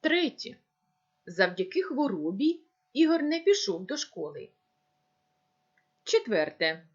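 A woman teacher giving a recorded lesson, speaking slowly and deliberately as if dictating. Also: a little high, big pitch swings, slightly rough, muffled recording. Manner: slow, deliberate dictation-like delivery.

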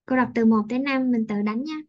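A woman teaching English pronunciation to a class online, reading out word lists slowly and explaining how to stress each syllable. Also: a little high, steady tone, dull audio. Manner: slow, drawn-out word-by-word dictation.

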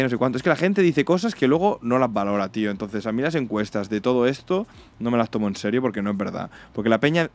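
A young man with a Spanish accent, from Spain, reacting to a video on his stream. His delivery is blunt and slangy, full of swearing and casual asides to the viewers. His voice sits at an ordinary middle pitch. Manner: blunt, slangy and swearing, mocking others in shrill put-on voices.

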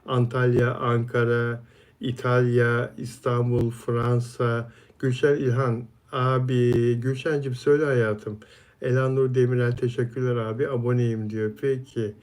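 A man hosts a casual live stream, reading viewer comments aloud one after another. His voice sits at an ordinary middle pitch, and he answers each viewer by name in a friendly, chatty manner. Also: level tone, unhurried, darkish tone.

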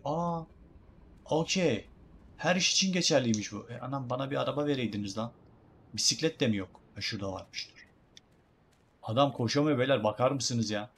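A man chatting and joking through a let's-play, addressing his viewers as guys. His voice sits at a middle pitch. Faint game music runs in the background. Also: fairly bright tone. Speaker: gaming YouTuber. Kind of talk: casual let's-play commentary.

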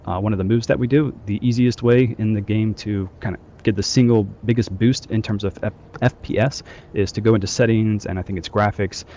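A man's voice: fairly low pitch, fairly even intonation, fairly quick, dark tone, lo-fi sound, a little hiss or hum. A man leading a game training session over group voice chat, instructing loosely with frequent fillers. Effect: heard over group voice chat. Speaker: squad trainer.

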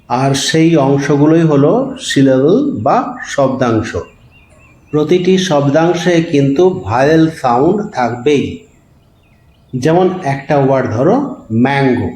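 A man's voice: mid-range voice, darkish tone, reverberant, a little hiss or hum, poor audio. A male teacher patiently explaining grammar step by step to students. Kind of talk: classroom grammar lesson.

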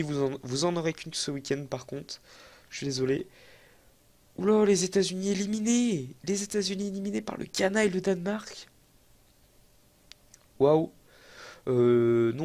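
A young man giving casual, excitable let's-play commentary on a football management game, chatty and self-mocking as he thinks aloud. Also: mid-range voice. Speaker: gaming YouTuber.

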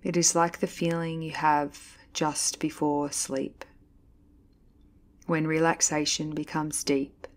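Speaking low and evenly, a woman who teaches yoga nidra reads a scripted guided meditation. She keeps the delivery calm and leaves deliberate pauses throughout.

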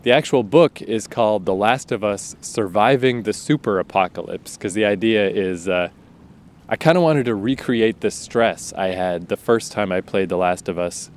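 A Canadian man in his thirties with a fairly low voice, talking loosely and informally. He rambles from one thought to the next, swears freely and leans on fillers. It sounds like a relaxed spoken intro to a podcast. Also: normal speed. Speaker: podcast host and author.

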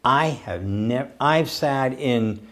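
An older man hosts a casual interview, speaking slowly in a medium-pitched voice. He's enthusiastic and rambling, tripping over words he repeats.

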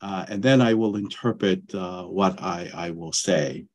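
A middle-aged Tongan anthropology professor with a Tongan accent gives a guest lecture with slides over a video call from a home study lined with bookshelves. His low voice keeps a measured pace, hesitant, with many fillers and restarts.

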